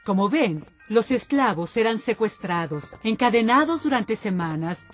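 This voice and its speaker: A woman's voice: mid-range voice, animated, measured pace, soft background music. A woman narrating a guided tour of an exhibition, explaining to her listeners. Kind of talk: scripted narration.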